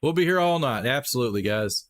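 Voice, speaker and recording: He talks fast, with lively intonation in a medium-pitched voice and a clear Texas accent. As a livestream play-by-play host, he keeps the commentary loose and cheerful, speaking directly to his audience and acknowledging chat.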